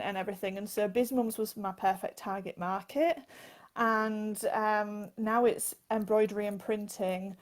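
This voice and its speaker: A woman speaks as a guest on a live phone interview. She talks in an earnest, open way, with a voice of ordinary pitch for a woman. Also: a little mellow. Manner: earnest, laughs between phrases. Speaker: guest, author and advocate. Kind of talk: casual interview answers.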